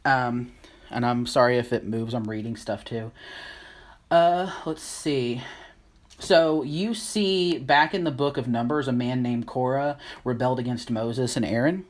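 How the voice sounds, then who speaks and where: Casual Bible study host, mid-pitched, slow and halting, writes as they talk. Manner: halting, unsure of names, thinks aloud while writing. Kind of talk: casual Bible lesson at a whiteboard.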